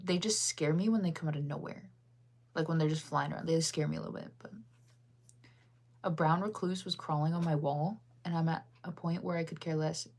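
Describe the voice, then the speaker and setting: Young woman on a casual live stream, slightly low voice, chatty, laughs a lot. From United States. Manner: chatty, self-conscious, laughs often, answers chat. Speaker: livestreamer.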